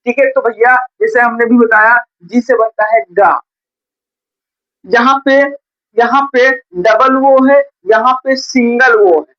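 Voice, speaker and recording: A man's voice: very high-pitched, fairly bright tone. Male tutor at a board, patient and repetitive, dull lo-fi sound. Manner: patient, repeats "theek hai" and "bhaiya" often. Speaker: teacher. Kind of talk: blackboard reading lesson. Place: coaching classroom at a board. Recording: dull lo-fi recording.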